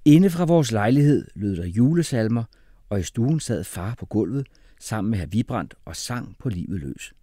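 Expressive male reader, lively pitch, dry close sound. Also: dry recording. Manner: animated, expressive reading. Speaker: audiobook narrator. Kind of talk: first-person storybook narration.

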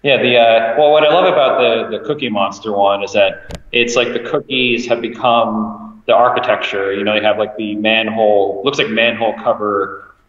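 Male curator, bright low voice, far from the mic in a roomy space, dull lo-fi sound. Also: steady tone, normal speed. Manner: brief agreeing replies, laughs often. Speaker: curator and host. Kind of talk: casual conversation. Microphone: video call. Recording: distant roomy lo-fi audio.

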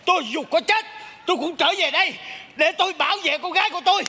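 A scolding exorcist master. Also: male voice, extremely high pitch, fast talker, sharp tone, heavily acted. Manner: scolding, theatrical. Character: bumbling middle-aged male exorcist master. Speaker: spirit medium in a stage comedy sketch. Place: theater stage. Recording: stage sound with hall reverb and hiss.

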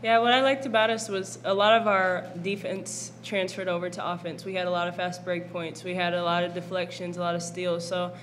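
A young woman basketball player answering questions at a post-game press conference, calm and measured, into a table mic. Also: lowish voice, slight background noise. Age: young adult. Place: press conference room with backdrop.

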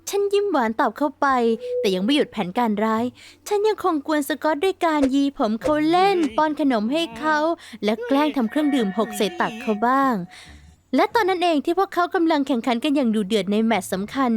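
A woman narrating an animated story in first person, sarcastic and exasperated. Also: high voice, a little fast. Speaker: narrator and heroine voice.

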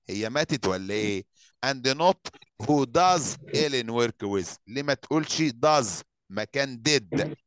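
A male teacher with an Egyptian accent, reading an English story in slow, careful lines and explaining each one quickly in Arabic. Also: mid-range voice, a bit bright, dry recording. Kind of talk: reading a story aloud and translating it.

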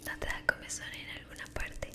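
In this whispered role-play, a woman speaks slowly and soothingly, encouraging the listener in ASMR style. She sounds caring and uses fond, affectionate pet names and diminutives.

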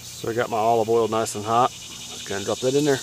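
A man casually narrating his camp cooking outdoors in the woods, relaxed and plain-spoken, giving practical tips. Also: on the low side, brisk, background noise. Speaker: outdoors vlogger.

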